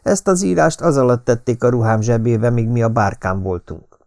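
A man voicing a gruff middle-aged detective in an audiobook, grumbling and measured in his speech. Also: mid-range voice, a little mellow, no room sound, studio quality, natural voice.

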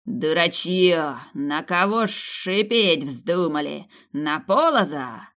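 A woman voicing an ancient, power-hungry serpent grandfather who speaks slowly and commandingly in an audiobook. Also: lively intonation, a bit bright, exaggerated voice. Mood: furious. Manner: slow, booming, commanding. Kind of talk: audiobook character voice.

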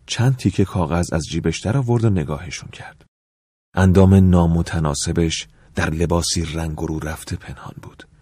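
A man narrating an audiobook in the first person, calm and measured, at times dropping to a soft whisper. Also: low voice, husky, dry recording, studio quality.

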